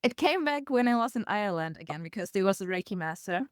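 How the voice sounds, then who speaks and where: Young woman, smooth clear voice, dry close sound, casual storytelling. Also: mid-range voice, expressive, quick pace, no room sound. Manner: storytelling with laughs and acted quotes. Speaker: podcast guest. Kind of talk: casual conversational interview.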